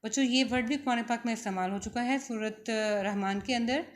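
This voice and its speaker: Slow Pakistani woman teaching vocabulary. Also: fairly high pitch. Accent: Pakistani Urdu. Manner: slow, repeats each word for students. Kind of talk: recorded vocabulary lesson.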